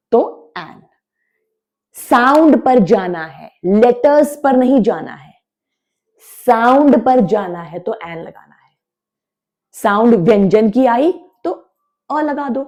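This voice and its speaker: Woman teacher, unhurried delivery, repeats each point firmly, switches between Hindi and English, drills sounds aloud for beginners. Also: medium pitch, darkish tone. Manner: mixes Hindi with English words. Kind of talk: classroom-style grammar lesson.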